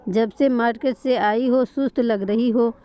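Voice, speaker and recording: A woman's voice: fairly high pitch, fairly even intonation, measured pace, dark tone, smooth, no echo, close to an everyday voice. A woman reading the part of a caring middle-aged mother in a family story. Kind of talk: storytelling read-aloud. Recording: dull lo-fi recording.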